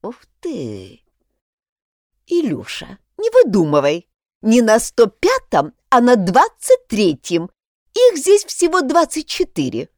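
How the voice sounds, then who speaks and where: A woman's voice: on the high side, huge pitch swings, slow, darkish tone, no echo, clean studio sound, voice pushed up, full character voice. A woman voicing the talking ground in a storybook, a bossy know-it-all that corrects others in a matter-of-fact way. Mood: correcting.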